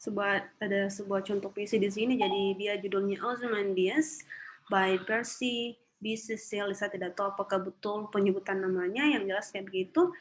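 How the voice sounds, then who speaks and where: A woman from Indonesia teaches her students in a relaxed online lecture. She talks casually, pausing on fillers and slipping in English terms. A faint noise sits under the recording. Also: medium pitch, poor audio.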